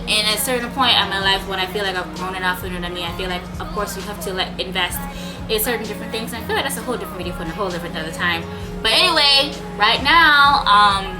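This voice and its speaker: A young woman with a Bahamian accent, chatting casually and informally with slang in a get-ready-with-me vlog. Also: mid-range voice. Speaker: vlogger. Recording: music playing behind the voice. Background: background music.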